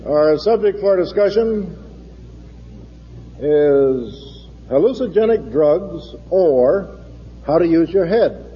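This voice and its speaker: This lo-fi archival clip has a man introducing a forum formally, with dry jokes slipped in, while long reverb from the big lecture hall echoes around him. He speaks slowly, with a fairly high pitch, lively intonation and long pauses.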